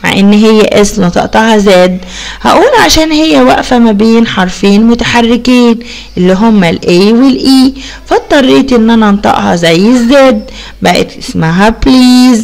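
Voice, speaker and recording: A woman with an Egyptian Arabic accent teaching young children English, saying example words slowly and asking the class lively questions. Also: on the high side, gravelly.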